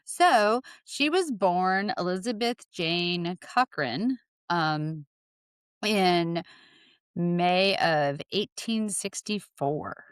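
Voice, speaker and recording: Low-pitched woman, rambling and dry. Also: animated, extremely slow, clear, resonant tone, no echo. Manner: rambling and hesitant, full of fillers and restarts. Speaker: podcast co-host. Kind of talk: casual podcast chat.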